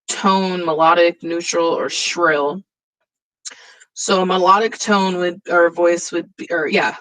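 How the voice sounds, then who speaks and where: A young woman teacher with a lower voice than most women, giving a casual, chatty recorded lesson and thinking aloud as she works. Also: a bit bright, no room sound, low-quality recording. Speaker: drama teacher.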